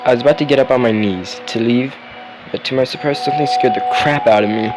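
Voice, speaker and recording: A man's voice: mid-range voice, fast, over loud music, poor audio. A tired young man reading a spooky story aloud, yawning, with chatty asides and the odd curse. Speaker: story reader.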